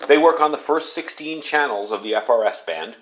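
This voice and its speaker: Fairly quick and a bit bright, this channel host's medium-pitched voice has lively intonation as he reviews a product hands-on. His talk is casual, folksy, and plain, and he repeats points to drive them home.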